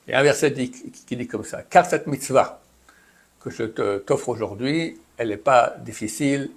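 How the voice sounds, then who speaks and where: A man giving a religious lesson, reading Hebrew phrases aloud and explaining them in a chatty, conversational way. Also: mid-range voice. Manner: reads Hebrew text then translates and explains, chatty asides. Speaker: rabbi teaching a class. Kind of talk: Torah lesson, explaining texts.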